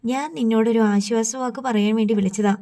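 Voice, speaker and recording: A woman's voice: on the high side, steady tone, a little fast, warm tone, natural voice. A woman voicing a preachy older sister who lectures her brother in proverbs. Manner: moralizing, full of proverbs.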